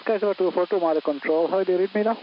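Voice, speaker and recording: Brisk male controller over radio. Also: high voice. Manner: brisk, terse instructions. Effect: over an aviation radio, like a helmet radio. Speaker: air traffic controller. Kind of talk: clipped radio phraseology. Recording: dull lo-fi radio with faint hiss.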